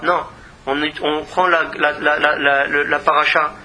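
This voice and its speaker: A man's voice: a little high, flat delivery, a little slow, bright, forceful tone, slight background noise. Earnest man teaching a Torah lesson. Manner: earnest, repeats words when searching. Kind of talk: religious lesson.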